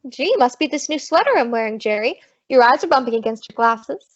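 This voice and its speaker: High-voiced wisecracking Maisie, played by a woman. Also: lively intonation, fairly quick, no echo. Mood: teasing. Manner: sassy, slangy delivery. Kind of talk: old-time radio comedy acting. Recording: dull lo-fi close dry recording.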